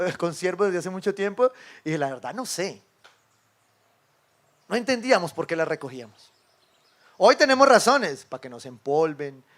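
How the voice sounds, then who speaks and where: A male pastor preaches in a high, bright voice. He talks to his congregation like a friend, telling stories in quoted dialogue and checking for agreement along the way. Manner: conversational, often asks the congregation for agreement. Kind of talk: sermon. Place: church service with a congregation.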